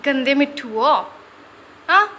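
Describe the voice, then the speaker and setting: Woman at home, playfully scolding her pet bird; high pitch, unhurried, noisy recording. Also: expressive. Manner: scolding playfully, asking repeated questions. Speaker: pet owner. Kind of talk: talking to a pet parrot. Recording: loud background noise.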